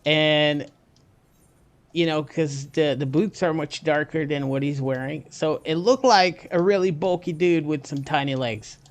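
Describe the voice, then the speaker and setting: A man's voice: fairly high pitch, measured pace. A man streaming a game, chatting casually and jokingly with viewers in a rambling way. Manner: rambling, jokey, talks to viewers. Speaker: gaming streamer. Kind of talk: casual livestream chat.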